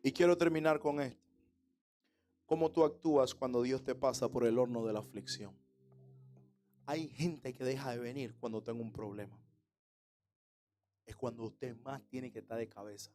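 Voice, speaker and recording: A man's voice: mid-range voice, steady tone, normal speed, long pauses, dark tone, a little hiss or hum. A middle-aged man, preaching a sermon with humor and rhetorical questions. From Panama. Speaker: pastor.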